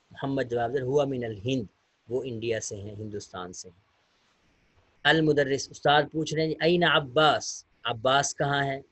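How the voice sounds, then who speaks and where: A male teacher's mid-range, fairly bright voice comes through a dry recording of an online Arabic lesson. Patiently addressing students, he reads out short Arabic sentences and works through translating and explaining each, step by step.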